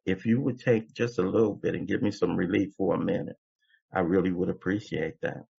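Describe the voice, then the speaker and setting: A man's voice: low voice, gravelly, darkish tone, breathy edge. A man in his seventies giving an impassioned, preacher-like testimony at a recovery meeting, repeating phrases for emphasis. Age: 70s. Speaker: guest speaker at a recovery meeting. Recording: dull lo-fi recording.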